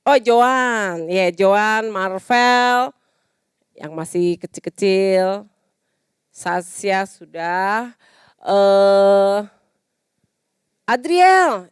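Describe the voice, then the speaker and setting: A young Indonesian woman teaching a children's church lesson, patient and animated as she talks to little kids. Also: medium pitch, smooth, dry recording, studio quality. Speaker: Sunday school teacher.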